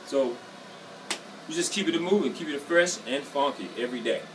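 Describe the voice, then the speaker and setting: This middle-aged Southern US man leads a casual, boastful walk through his gym at a moderate pace, his voice on the high side and his patter upbeat and salesy. Captured by a following handheld camera, the audio is distant and echoey, with music playing and a noisy background.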